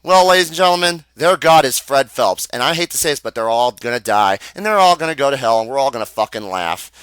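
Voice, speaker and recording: A man's voice: mid-range voice, expressive, fast, fairly bright tone, smooth, no room sound. A young American man delivering a heated, profane, stammering rant on his video channel. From United States. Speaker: vlogger. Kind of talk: angry webcam rant.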